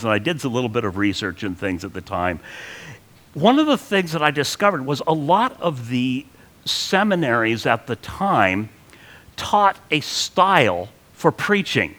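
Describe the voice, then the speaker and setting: A man preaching a sermon in a conversational, lively teaching manner, often restarting his phrases. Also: mid-range voice. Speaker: pastor.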